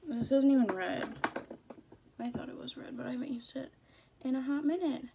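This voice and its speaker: A woman's voice: high-pitched, moderate pace, gravelly, warm tone, slight background noise. A young woman chatting casually through a makeup tutorial in a playful, slangy way. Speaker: beauty vlogger.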